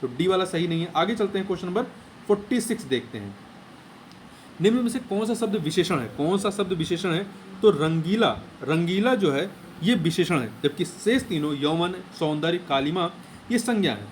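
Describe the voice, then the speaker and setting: Exam tutor, male, high-pitched, methodical and repetitive delivery, faint noise under the voice. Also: expressive, normal speed. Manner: explains step by step, repeats key words, plain teaching tone. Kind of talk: exam answer explanation lesson.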